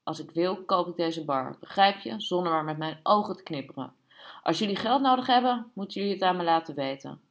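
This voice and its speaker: A woman's voice: on the low side, expressive, brisk. Woman voicing a swaggering man in a bar. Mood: boasting. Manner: swaggering, swings between loud boasts and whispers. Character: boastful, restless middle-aged man in a bar.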